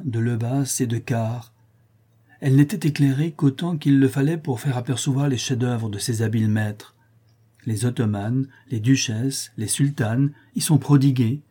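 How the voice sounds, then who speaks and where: Mellow, husky male storyteller. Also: medium pitch. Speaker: narrator. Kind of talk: audiobook reading of a classic tale.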